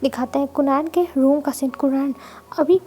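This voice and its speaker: A woman's voice: high voice, fairly even intonation, normal speed, mellow. A woman casually retelling a fanfiction story, chatting to listeners as friends. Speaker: fanfiction narrator.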